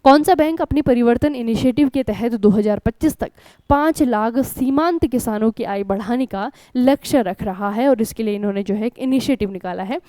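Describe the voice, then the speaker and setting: Indian woman teacher, chatty exam-prep lesson, kinda high mellow voice, dry close mic. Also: moderate pace, no echo. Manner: conversational, keeps asking "ठीक है?" and addressing students as children. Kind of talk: online current-affairs lesson.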